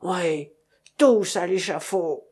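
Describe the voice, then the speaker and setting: A woman voicing a pompous old man, a revolutionary judge who blusters loudly, then drops to anxious whispers. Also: very high-pitched, animated, unhurried. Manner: bombastic, swinging between bluster and whispers.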